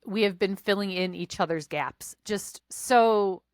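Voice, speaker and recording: A woman's voice: mid-range voice, unhurried, dry recording, studio quality. A woman co-hosting a casual chat, bubbly and giggly, rambling with many restarts. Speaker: spiritual practitioner and co-host.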